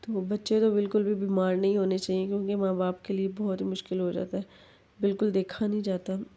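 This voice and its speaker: Calm, level-voiced mother narrating a family vlog. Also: medium pitch, lo-fi sound. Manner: calm, unhurried storytelling with mild worry.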